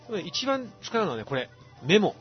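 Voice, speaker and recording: Chatty man with a lively voice. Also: sits high, moderate pace. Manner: chatty, demonstrating things with frequent restarts. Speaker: podcast host. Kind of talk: casual chat. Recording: lo-fi podcast audio with faint music.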